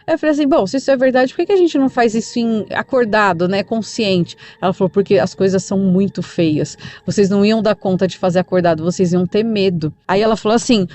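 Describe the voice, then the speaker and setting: A woman with a Brazilian accent, narrating a listener's true supernatural story for a podcast in a calm, conversational way. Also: medium pitch. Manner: calm, conversational retelling with spoken fillers.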